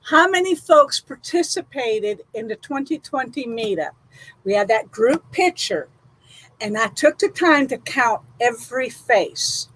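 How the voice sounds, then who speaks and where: A woman's voice: on the high side, lively intonation, measured pace, fairly bright tone, poor audio. A woman co-hosting a casual live stream, reading trivia questions and laughing easily. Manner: giggly, reads trivia questions. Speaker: livestream co-host.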